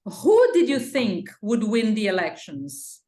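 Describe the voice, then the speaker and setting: A woman's voice: mid-range voice, wildly swooping pitch, slow, a little mellow. A woman with a Brazilian Portuguese accent, patiently teaching an English lesson and drilling pronunciation. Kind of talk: one-on-one language lesson. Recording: roomy echo.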